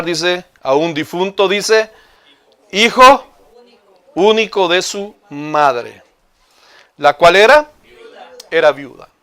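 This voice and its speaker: A man's voice: on the high side, bright, forceful tone, clear, resonant tone. A male pastor preaching a sermon with passion, speaking straight to his congregation. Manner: impassioned preaching, addressing listeners as hermano.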